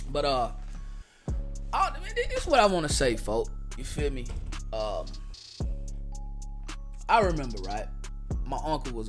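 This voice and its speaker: Young man, reaction host, slangy, profane, lively pitch, faint background music. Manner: blunt, slangy, profane storytelling. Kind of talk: casual reaction commentary.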